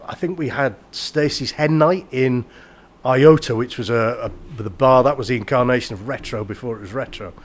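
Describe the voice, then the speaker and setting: Male, middle-aged, medium pitch, informal anecdotal interview delivery. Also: moderate pace. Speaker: bar and club owner, guest. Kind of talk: casual anecdotal chat.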